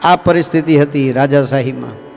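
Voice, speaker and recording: A man's voice: medium pitch, moderate pace, vocal fry, darkish tone. A man, a swami giving a folksy storytelling sermon with asides to his listeners. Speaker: swami preacher. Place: temple hall. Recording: long temple-hall reverb, faint music.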